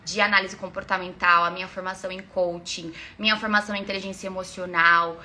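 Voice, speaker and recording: A woman coach with a Brazilian Portuguese accent, telling a personal story to followers in a live online talk, animated and addressing them directly. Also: on the low side, fast talker, a little hiss or hum.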